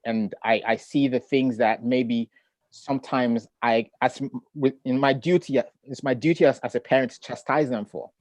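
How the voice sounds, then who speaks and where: A middle-aged man who grew up in Ghana, a poet, reading his poems and talking about family in a measured, reflective way over a video call. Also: medium pitch, steady tone, dry recording. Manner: measured and reflective, with thoughtful pauses. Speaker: poet and author. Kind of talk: poetry reading and relaxed conversation.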